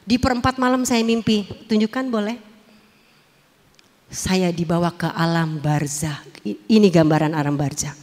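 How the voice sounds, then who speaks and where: A woman giving an animated, emotional church testimony to a congregation. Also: on the low side, moderate pace, long pauses. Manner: animated, emotional storytelling addressing the audience. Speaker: testimony speaker. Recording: long reverb of a large hall.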